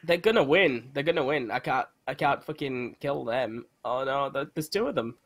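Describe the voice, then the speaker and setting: A young man games with a teammate online, his medium-pitched, somewhat bright voice animated but at a moderate pace. His excited chatter includes joking, swearing, and shrieks in tense moments.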